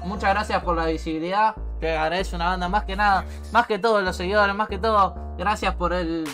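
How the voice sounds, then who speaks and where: A man's voice: high-pitched, fairly even intonation, bright, forceful tone, faint music behind. A young man with an Argentine accent, a streamer freestyle rapping and then thanking his chat in rambling street slang. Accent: Argentine Spanish. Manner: slangy, rambling, fast-flowing street talk.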